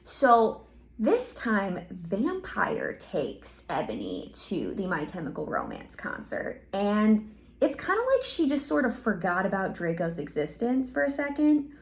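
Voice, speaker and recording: A woman hosting a comedic reaction video, talking in a sarcastic, animated way. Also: medium pitch, vocal fry. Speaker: video host. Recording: roomy echo.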